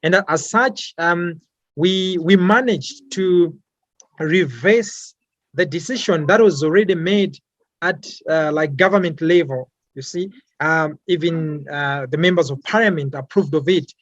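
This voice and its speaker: A young man from Malawi answers interview questions in a slightly high voice. He talks haltingly, full of fillers and repeated words. The sound is dry and close, with no room around it. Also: fairly bright tone, no room sound, muffled recording. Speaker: interviewee, climate activist.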